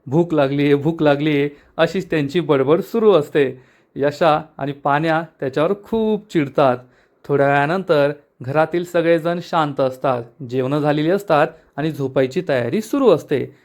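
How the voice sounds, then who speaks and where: A man narrating a TV episode recap briskly, addressing the viewers as friends. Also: on the high side.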